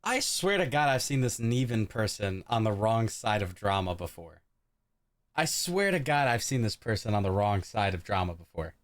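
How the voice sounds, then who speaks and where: A man's voice: fairly low pitch, sing-song, moderate pace. A man streaming his reaction to a video, talking casually in a profane, emphatic, rambling way. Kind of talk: casual live reaction commentary.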